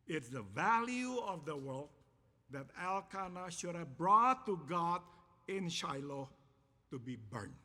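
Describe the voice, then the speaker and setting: A male pastor delivering a sermon in measured, emphatic phrases, repeating each point in English after saying it. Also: a little high, big pitch swings, bright, forceful tone. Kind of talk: bilingual sermon with self-interpretation. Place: church. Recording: long church reverb.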